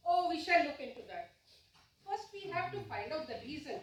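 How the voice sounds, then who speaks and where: An actress voicing a calm, formal doctor who talks very slowly and patiently in a rather high voice. Her lines come from far away in a big, echoing hall, with a faint hiss underneath. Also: exaggerated voice. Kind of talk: stage play acting. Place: stage in a hall.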